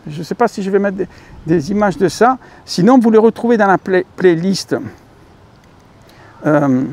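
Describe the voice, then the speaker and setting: A man speaking with a French accent, his voice high for a man and gravelly with fry. He rambles through a casual vlog monologue, stumbling over fillers and correcting himself as he talks to his viewers. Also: darkish tone. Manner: rambling, many fillers and self-corrections, addresses viewers as dear friends. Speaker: YouTube channel host.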